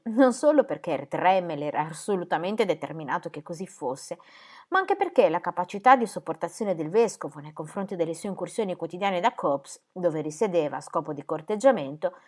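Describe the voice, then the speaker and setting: Low-voiced woman reading a novel. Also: lively intonation, a little fast, darkish tone. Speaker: audiobook reader.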